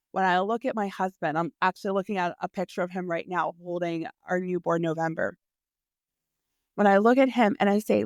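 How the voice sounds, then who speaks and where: Heard in clean studio sound without any room tone, a mid-range woman's voice belongs to a podcast host and dating coach in her forties. Her faith-based motivational talk is earnest and emphatic, with repeated phrases for stress and an intimate way of calling the listener "sis."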